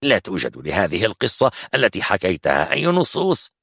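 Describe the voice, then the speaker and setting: A man voicing a harsh, threatening armed gangster interrogating a captive, in a gravelly, raspy voice. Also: deep voice, wildly swooping pitch, fairly quick, fairly bright tone, no echo, clean studio sound, full character voice. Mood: menacing. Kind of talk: audiobook narration.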